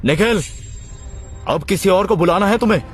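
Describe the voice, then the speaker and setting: An actor playing a cocky, commanding young hero in a dubbed fantasy drama. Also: male voice, sits high, normal speed, faint music behind, natural voice. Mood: stern, taunting. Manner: self-assured, commanding. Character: cocky, protective, all-powerful young male hero.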